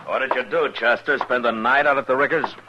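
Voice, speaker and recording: An actor playing a stern, steady frontier marshal in an old radio western, terse and matter-of-fact. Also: male voice, medium pitch, a little fast, natural voice. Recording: noisy, muffled old radio broadcast.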